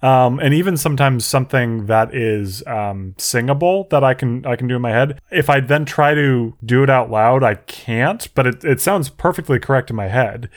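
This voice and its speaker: A man's voice: mid-range voice, normal speed, few pauses. A man co-hosting a podcast in casual chat, enthusiastic and often repeating words as he goes. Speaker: podcast co-host.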